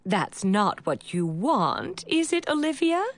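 A woman's voice: mid-range voice, very animated, slow pace. A woman voicing a defensive middle-aged aunt who stammers and turns tearful. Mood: tearful pleading.

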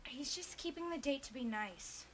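High-voiced American teenage sitcom daughter. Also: female voice, animated, normal speed. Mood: embarrassed. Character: mortified, earnest teenage daughter. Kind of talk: television sitcom acting. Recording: noisy television sitcom soundtrack.

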